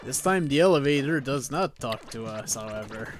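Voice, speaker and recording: A man streaming a retro video game live, calmly narrating what he does with commentary between moves. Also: medium pitch. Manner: slow, laid-back narration of gameplay. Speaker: let's play streamer. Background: faint game music.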